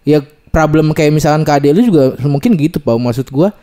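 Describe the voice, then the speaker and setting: A young man talking in a relaxed, slangy way in a casual group chat, giving advice. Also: on the high side, brisk.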